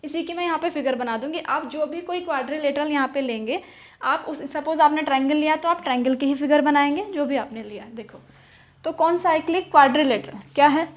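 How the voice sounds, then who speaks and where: A woman's voice: sits high, fairly quick. A young woman teaching geometry, asking questions and answering them herself, repeating key terms in words. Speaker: math teacher. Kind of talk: explaining at a whiteboard.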